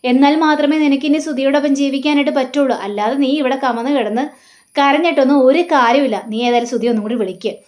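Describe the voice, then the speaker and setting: This is a stern mother, firm and scolding with her daughter, put on by a woman retelling a serial. Her voice stays high. The tone is direct and insistent. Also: fast talker, darkish tone, lightly acted.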